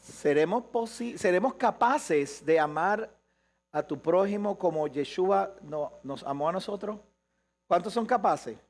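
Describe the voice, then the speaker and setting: High-voiced pastor preaching. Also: male voice, lively intonation. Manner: questions the congregation, shifts between quick asides and slow emphasis. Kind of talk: live sermon.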